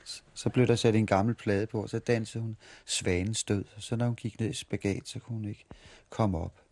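Man in his 40s from Denmark, somewhat low voice, rambling anecdotal interviewee who stumbles and restarts. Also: steady tone, darkish tone. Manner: halting, repeats and restarts words while reminiscing. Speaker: street performer interviewee. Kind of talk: storytelling interview.

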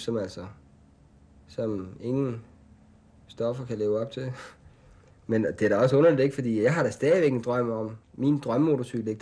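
A man telling personal stories in loose, colloquial speech who often drops to a quiet, low voice when recalling pain. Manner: loose, colloquial, keeps adding "ikke?" and "mand". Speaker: interviewee. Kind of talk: candid personal storytelling.

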